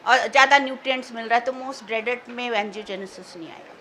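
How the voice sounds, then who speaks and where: A woman teaching biology, going through exam answers in mixed Hindi and English and slowing down to dictate key terms. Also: on the high side, pushed and bright, slight background noise. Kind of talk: exam answer walkthrough lesson.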